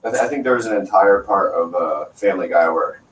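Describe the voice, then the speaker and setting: A man's voice: sits low, fast talker. Rambling man co-hosting internet radio. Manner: rambling, jokey, many restarts. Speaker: radio show co-host. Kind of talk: casual radio chat. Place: small internet radio studio. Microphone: desk radio microphone. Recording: roomy, distant from the mic.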